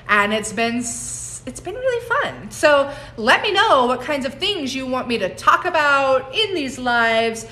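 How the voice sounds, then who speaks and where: Woman, 40s, herbalist host, casual and laughing livestream chat, bright tone. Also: a little high. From United States. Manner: chatty, laughs often, greets viewers by name. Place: home on a mountain, indoors.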